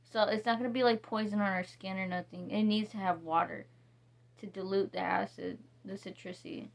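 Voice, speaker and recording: A woman talks through a soap review in a loose, casual way. She reads ingredient names slowly and wanders between thoughts, stopping and restarting often. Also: medium pitch, steady tone, creaky. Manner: rambling, reading ingredients slowly, with many fillers and restarts. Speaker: vlogger reviewing soaps. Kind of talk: casual product review chat.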